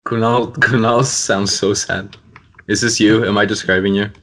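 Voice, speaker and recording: Young guy with a lowish voice joking around on a podcast, teasing his buddies. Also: steady tone, moderate pace, a bit bright. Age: young adult. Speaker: podcast host. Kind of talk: casual chat.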